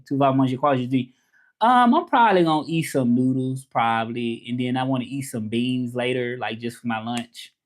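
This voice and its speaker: This fairly high-pitched Southern man, in his thirties and from Memphis, Tennessee, is a livestream host who also teaches French. His casual chat is loose and repetitive as he greets viewers and pushes them to subscribe.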